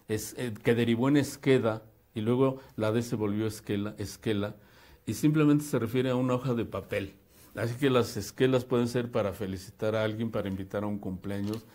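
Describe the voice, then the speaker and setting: A man's voice: on the low side, a little mellow. A man with a Mexican Spanish accent hosting a broadcast language lesson, explaining word origins and syllables in a didactic manner and speaking directly to his listeners. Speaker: language program host.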